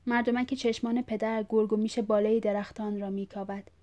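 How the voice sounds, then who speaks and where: A woman narrating a story aloud in a measured, even way. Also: medium pitch. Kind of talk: audiobook reading.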